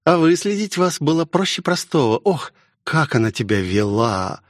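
A catty young woman, her voice pitched high and dripping with fake sweetness, as a male narrator puts her on. She taunts in a dry, close-miked audiobook recording. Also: a little slow, no echo, lightly acted. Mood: sneering. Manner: sneering, mock-sweet. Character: scheming young woman pilot, mocking, spiteful.

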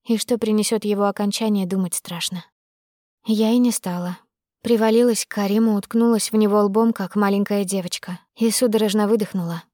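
A woman reading a first-person novel aloud as an audiobook narrator, with brisk, intimate storytelling. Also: mid-range voice, mellow, no room sound, studio quality.

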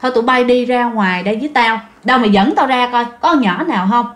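A woman voicing a gruff, impatient male platoon leader who scolds briskly. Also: on the high side, fairly bright tone, reverberant, lightly acted. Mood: scolding. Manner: brusque, scolding, quick.

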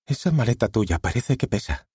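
A man's voice: medium pitch, big pitch swings, moderate pace, warm tone, husky, no echo, clean studio sound, pitched above the performer's own voice. A man voicing an anxious, forgiving wife in an audiobook, raising his voice to play her. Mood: questioning. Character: worried, forgiving wife, middle-aged woman.

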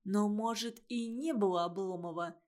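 A woman reading a story and voicing a stubborn, dreamy schoolboy in a thoughtful, quiet way. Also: mid-range voice, normal speed, natural voice.

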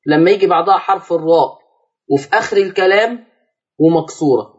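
A man with an Egyptian accent teaching Quran recitation on a broadcast lesson, quizzing the listener and then answering himself, and drawing out the recited words slowly to demonstrate. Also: high voice, husky, muffled recording. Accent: Egyptian Arabic.

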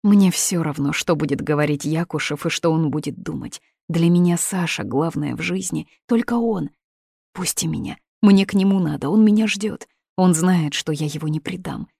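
A woman's voice: sits low, normal speed, darkish tone, breathy edge, no echo. Desperate young woman, read by a woman, urgent pleading outbursts, raised voice, dry close sound. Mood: frantic.

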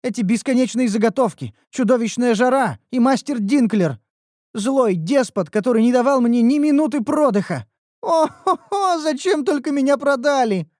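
A narrator voicing an excitable young female red elf, a smith's apprentice, who complains loudly and dramatically in an audiobook. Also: normal speed, no room sound, studio quality, lightly acted. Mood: whiny. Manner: whiny and dramatic, loud high outbursts. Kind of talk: audiobook character voice.

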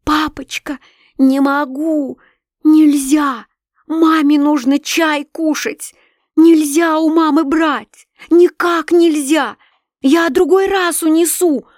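A woman voicing a frightened little girl who pleads with her father in shrill, drawn-out cries. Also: a little mellow, no room sound, studio quality, close to an everyday voice. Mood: pleading.

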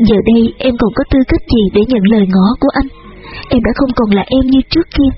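A man reading an audiobook and voicing a tearful, injured young woman who speaks softly and pleadingly, with dull audio and faint music behind. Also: very high voice, fast talker. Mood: pained. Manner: soft, pleading, weeping.

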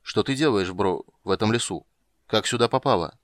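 A man doing a gruff, impatient witcher in a storybook reading, talking bluntly and sharply. The voice sits low and the sound is close and dry. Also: expressive, fairly quick, no room sound, lightly acted. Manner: sharp, blunt, irritated questioning. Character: gruff male witcher, curt and scolding. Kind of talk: audiobook character voice.

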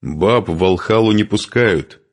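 A man voicing a cheerful, self-assured young male warrior in an audiobook, jaunty and husky. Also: on the low side, unhurried, voice pushed up.

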